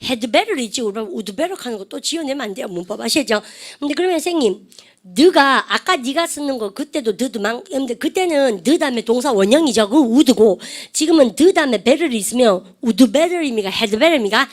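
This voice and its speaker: A middle-aged woman with a slightly high voice gives a lively, classroom-style English grammar lesson. Coaxing her class, she keeps asking them to repeat after her, shifting between dialect-tinged Korean asides and slow, careful English for the drill phrases.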